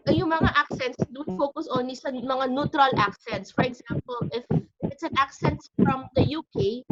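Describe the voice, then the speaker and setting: Filipino woman, teacher, chatty online lesson, mixes Tagalog and English, a touch high, muffled video-call sound. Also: fairly bright tone. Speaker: IELTS teacher. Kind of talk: online class lecture.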